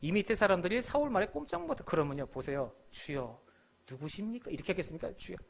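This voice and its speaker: A man preaching a sermon in a church, animated, acting out the biblical voices with sudden loud bursts. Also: high voice, racing, gravelly. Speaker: pastor.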